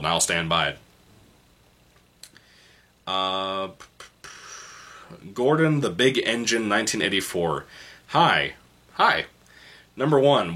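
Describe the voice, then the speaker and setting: Bright, husky young man chatting. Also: lowish voice. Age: 20s. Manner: rambling, self-correcting, laughs often. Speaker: channel host answering comments. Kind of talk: casual chat.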